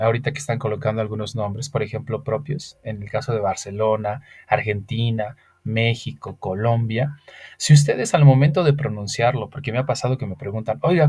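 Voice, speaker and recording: A man whose first language is Spanish leads an English grammar lesson at a mid-range pitch. He takes each point step by step and patiently asks the class questions he then answers himself. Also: dark tone. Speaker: English teacher.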